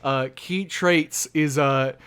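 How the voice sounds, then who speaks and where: Rambling young man, smooth voice. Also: fairly high pitch, takes it slowly, fairly bright tone. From Oregon, United States. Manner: rambling, self-interrupting storyteller. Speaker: podcast co-host. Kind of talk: casual chat.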